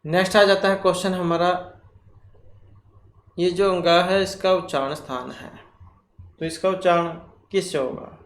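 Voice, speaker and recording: A man teaching Sanskrit grammar for exam preparation. He works through quiz questions slowly and deliberately, asks himself questions and repeats the key terms. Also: high voice, fairly even intonation, fairly bright tone. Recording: echoey room, faint ambient noise.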